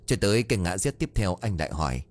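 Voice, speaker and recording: Male narrator for horror tales, low register, scripted storytelling over background music. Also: very animated, fast talker. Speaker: narrator of ghost stories. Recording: music under the voice.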